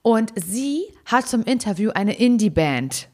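Loud, lively woman podcast host. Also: fairly high pitch, a little slow. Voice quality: loud, full voice. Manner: animated storyteller, acts out quotes, laughs a lot. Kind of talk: casual podcast chat.

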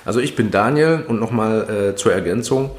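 A man co-hosting a podcast, talking casually in an interview, with hesitant pauses and fillers. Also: on the low side. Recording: roomy echo.

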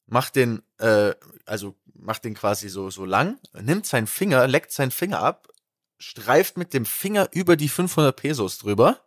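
Man, podcast storyteller, animated and rambling, dry close mic, mid pitch. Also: moderate pace, no echo. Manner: animated anecdote telling with many fillers and restarts. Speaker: podcast co-host. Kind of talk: casual storytelling chat.

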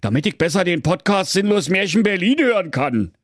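A bossy wolf posing as a lifeguard, as a male storyteller puts him on, pitched up and lively, barking orders. Dry and close, a comic storybook villain. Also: a little fast, dry recording. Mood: menacing.

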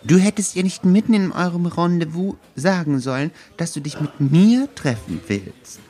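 A man's voice: high-pitched, fairly quick, voice pushed up, natural voice. A clever teenage girl explains things with unbearable patience, as a man puts her on in a raised voice. She sounds a little condescending, like someone walking a child through simple sums. It is an amateur read-aloud of a book scene. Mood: patient lecturing.

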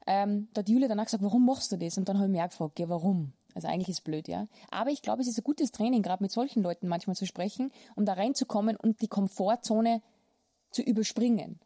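A woman's voice: mid-range voice, fast, mellow, no echo, studio quality. A young Austrian woman hosting a casual podcast chat, blunt and rambling, swearing freely. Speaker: podcast host.

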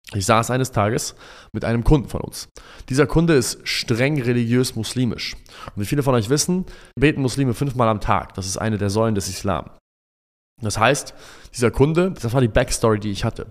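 Animated man telling sales stories. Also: medium pitch. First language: not German, has a migration background. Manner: animated storyteller, acts out both sides of dialogues. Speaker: sales coach and podcast host. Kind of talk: podcast monologue with sales stories.

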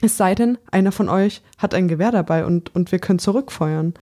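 A man's voice: sits high, brisk, dark tone. A narrator voicing a panicky, half-drunk young man who is close to hysteria. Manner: near-hysterical.

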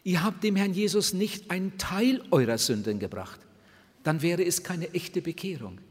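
A man's voice: high-pitched, expressive, moderate pace. An older man preaching a sermon to new converts, speaking earnestly and voicing the prayers he quotes. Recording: reverberant hall, somewhat husky sound.

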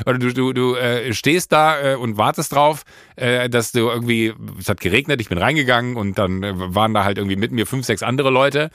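A man hosting a podcast, telling a story in a casual, animated way with many fillers and restarts. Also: medium pitch, brisk, no room sound, clean studio sound. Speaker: podcast host.

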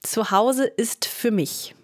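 A woman leading a quick sentence game on a podcast, playful and upbeat. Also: fairly high pitch, a little mellow.

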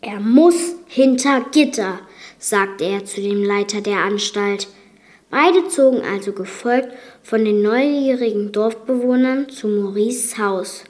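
A woman reading a fairy tale aloud in a calm, measured way as podcast host. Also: medium pitch. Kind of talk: slow fairy-tale narration.

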